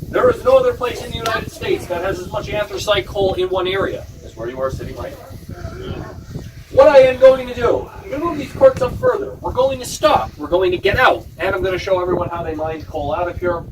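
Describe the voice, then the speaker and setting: A man giving an explanatory, instructive guided tour commentary as a tour guide inside an underground mine tunnel. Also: sits high. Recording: echoey, distant, noisy tunnel recording.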